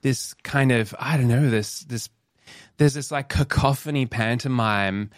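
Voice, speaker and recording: A man's voice: mid-range voice, measured pace, no room sound, studio quality. A man hosting a podcast in casual chat, rambling and reflective, often laughing. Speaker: podcast host.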